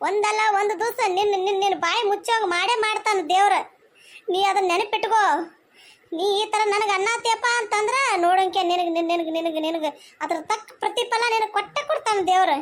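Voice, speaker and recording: A devout young wife from a cartoon, voiced by a woman, pleading tearfully in a North Karnataka accent. Her voice is very high and thin. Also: steady tone, brisk. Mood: hurt. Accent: North Karnataka Kannada.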